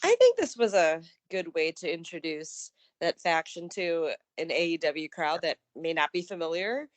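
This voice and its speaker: A woman with a lowish voice co-hosts a casual recap show. She chats in an upbeat, loose way, full of "um" and restarts. The sound is dry and close, with no room echo. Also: very animated, normal speed. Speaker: co-host of a wrestling news show.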